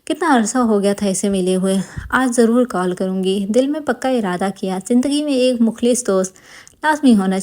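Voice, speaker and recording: Woman narrator for a novel read-aloud, calm and even, warm dark tone. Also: fairly high pitch. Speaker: audiobook narrator.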